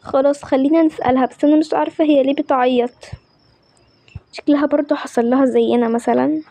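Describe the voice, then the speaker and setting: A woman with an Egyptian accent telling a story in lively, conversational character voices. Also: high voice, fast. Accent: Egyptian Arabic.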